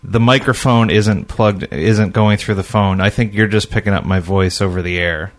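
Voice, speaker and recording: A man's voice: fairly low pitch, fairly even intonation, moderate pace. A man hosting a casual campus radio show, easygoing with dry remarks. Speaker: radio host.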